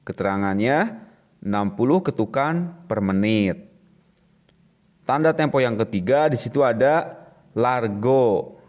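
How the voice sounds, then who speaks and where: A man teaching a recorded music lesson to children, explaining patiently and repeating each point step by step. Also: mid-range voice.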